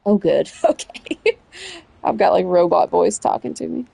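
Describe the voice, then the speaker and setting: A woman's voice: on the low side, lively intonation, measured pace, creaky, warm tone, slightly rough. A woman chatting casually on a livestream while she plays a video game, rambling and self-correcting as she talks and laughing easily.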